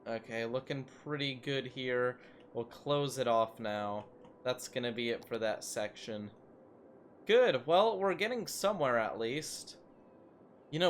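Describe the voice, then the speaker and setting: A man's voice: mid-range voice, slight background noise. A young man casually commenting while playing a city-building game, chatty and self-mocking, rambling into asides. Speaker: gaming YouTuber.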